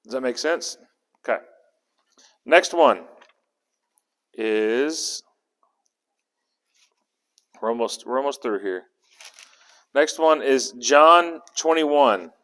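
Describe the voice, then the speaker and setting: A Bible teacher with a medium, fairly bright voice speaks animatedly, stretching out words and pausing often. He keeps the study conversational, questioning his group and restarting words, amid a hall's long echo.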